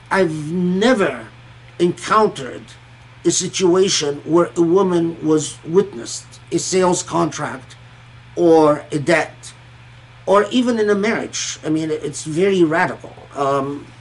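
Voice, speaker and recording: A male religious scholar from Egypt and Kuwait gives informal Quranic commentary in a notably high voice. He speaks slowly and thoughtfully, often halting and repeating words as he works through each point, and the audio is poor.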